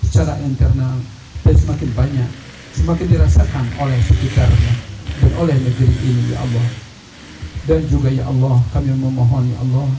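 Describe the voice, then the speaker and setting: Man, prayer leader, slow repeated supplications, roomy echo, distant. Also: mid-range voice, fairly even intonation. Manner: slow, repetitive supplication with frequent "ya Allah". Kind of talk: leading a congregational prayer. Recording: echoey, distant, dull and noisy hall recording.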